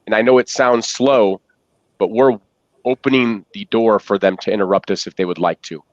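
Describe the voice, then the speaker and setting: Male consulting guest, measured pacing, dry dull recording. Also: lowish voice, steady tone, no room sound. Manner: measured, deliberate, uses pauses. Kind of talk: business discussion with demo pitches. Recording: dry, muffled audio.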